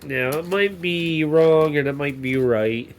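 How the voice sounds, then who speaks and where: There's a little hiss or hum behind this fairly high-pitched man, who speaks slowly. He runs a YouTube maker channel and, stuffy with a cold, jokes and wanders off-topic in his home workshop vlog, often stopping mid-sentence.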